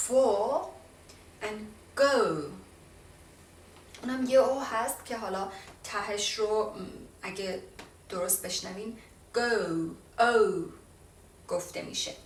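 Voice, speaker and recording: A woman from Iran gives a casual lesson on pronunciation, slowing down to model each English sound. Her voice is a little off the mic in a roomy space. A faint ambience runs behind her. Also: a little high, recorded from a distance, a little hiss or hum. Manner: explains by modelling sounds slowly, with fillers. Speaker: language teacher.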